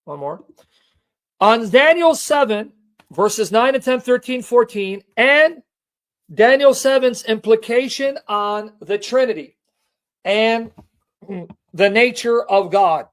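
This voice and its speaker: A man's voice: very high voice, expressive, slow, long pauses, fairly bright tone. Emphatic man teaching scripture. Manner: emphatic, repeats points and checks in with listeners. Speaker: Bible teacher. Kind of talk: Bible study teaching with scripture reading.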